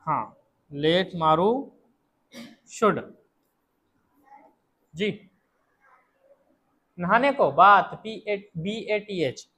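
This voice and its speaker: A man's voice: high-pitched, a bit bright, rough recording. A man with a Hindi accent teaching a classroom English lesson, repeating points and quizzing students as he goes. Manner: slow, repetitive, drills students with questions.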